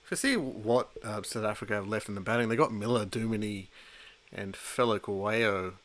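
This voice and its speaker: A man's voice: fairly low pitch, fairly quick, fairly bright tone. A man co-hosting a live cricket stream, giving casual commentary with frequent laughs and hesitant fillers.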